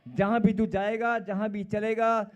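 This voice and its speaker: Slow, high-voiced emphatic male preacher. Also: level tone, highs cut off. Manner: emphatic, repeats phrases, swings from loud to quiet. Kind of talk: sermon.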